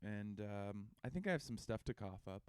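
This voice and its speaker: A man co-hosting a casual comedy podcast, joking in a rambling, halting way. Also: on the low side, animated, clean tone, dry recording. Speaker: podcast co-host.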